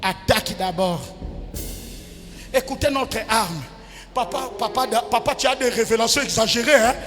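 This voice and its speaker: A male pastor preaching a sermon, swinging between loud shouted cries and quiet asides. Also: very high-pitched, normal speed. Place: large church hall. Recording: church hall reverb with music. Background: music.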